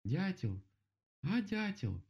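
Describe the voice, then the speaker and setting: A man voicing a gentle, patient female bear in a children's story, calm and careful. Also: fairly high pitch, normal speed, husky, voice pushed up, exaggerated voice. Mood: calling. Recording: dull lo-fi recording.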